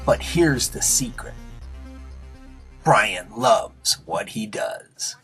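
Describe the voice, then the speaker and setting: Slow male promo narrator over music. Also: medium pitch, very animated, creaky, fairly bright tone.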